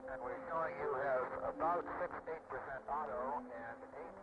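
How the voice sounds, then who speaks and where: A man speaking over a two-way radio link as a ground controller, steady and matter-of-fact. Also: medium pitch, moderate pace. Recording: muffled, hissy archival radio audio. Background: loud static noise.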